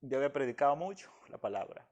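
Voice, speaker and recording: A man's voice: mid-range voice, lively intonation, fast talker, darkish tone, muffled recording. A man from the Dominican Republic, speaking as a guest and giving an emotional personal testimony in an earnest, heartfelt way.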